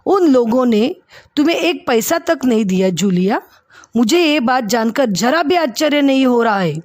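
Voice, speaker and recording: A woman's voice: on the high side, expressive, takes it slowly, dry recording, studio quality. A woman voicing a stern, stingy male householder who questions and scolds sharply as he settles wages. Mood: angry.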